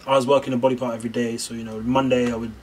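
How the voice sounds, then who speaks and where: Laid-back young man, mid pitch. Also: level tone, rapid-fire, a little mellow, recorded from a distance, slight background noise, low-quality recording. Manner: laid-back, explains loosely. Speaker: host. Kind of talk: casual chat.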